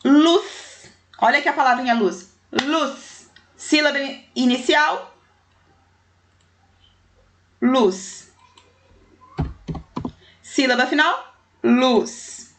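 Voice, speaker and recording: A woman teacher with a fairly high voice goes through a primary school lesson at a slow, unhurried pace. She breaks words into syllables and counts letters aloud one by one, and she calls the words by fond little diminutives for young children. Her delivery is patient and clear. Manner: affectionate diminutives for young pupils.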